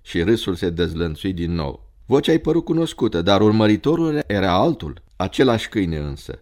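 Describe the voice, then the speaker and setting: A man narrating a story in a measured, dramatic reading. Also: low-pitched, very animated, a little mellow.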